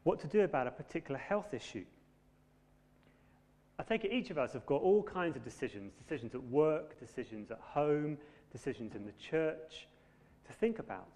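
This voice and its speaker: A man preaching a sermon in a conversational, gently humorous way. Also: fairly high pitch, animated, normal speed. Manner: conversational, self-deprecating humour. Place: church. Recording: long hall reverb.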